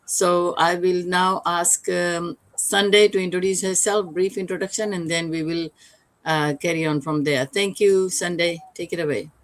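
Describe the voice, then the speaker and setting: A woman from Fiji hosts a live online show over a video call. Her voice sits lower than most, and she welcomes viewers and guests with steady fillers. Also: moderate pace, low-quality recording. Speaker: host.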